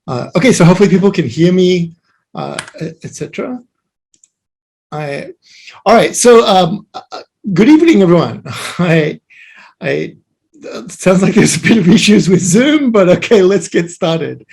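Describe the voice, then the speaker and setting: A man giving an online meetup talk, speaking haltingly with many fillers and restarts. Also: high voice, sing-song, gravelly, darkish tone, husky. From Australia. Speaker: guest speaker.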